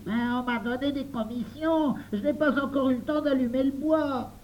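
A man's voice: very high-pitched, moderate pace, highs cut off, slight background noise, voice pushed up. A man voicing an earnest young boy who keeps getting sent on errands in a read-aloud storybook. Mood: flustered. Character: eager, obliging young boy errand-runner.

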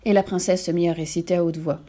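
A woman narrating a children's storybook in a calm, even manner. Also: on the low side, fast talker. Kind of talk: storybook reading.

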